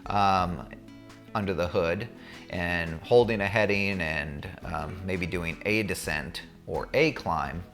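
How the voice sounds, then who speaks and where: A man's voice: low voice, takes it slowly, vocal fry, a bit bright, faint music behind. A man talking casually and candidly to viewers, recounting his own experience as a student pilot in a conversational way.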